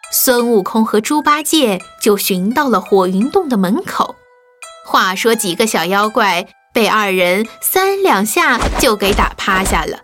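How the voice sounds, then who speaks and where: A woman narrating a children's story in a lively, expressive way. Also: a little high. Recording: faint music behind.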